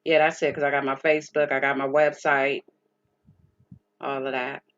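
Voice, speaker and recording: A woman's voice: very deep voice, little pitch movement, moderate pace. A middle-aged or older woman from California chatting casually on a live stream in a rambling, talkative way. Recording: dull lo-fi stream audio.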